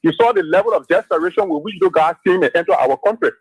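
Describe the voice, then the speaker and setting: A man's voice: high voice, expressive, fast talker, vocal fry, slightly rough. A male caller on a radio talk show urging listeners to stay prayerful, heard over a phone line. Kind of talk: call-in radio commentary.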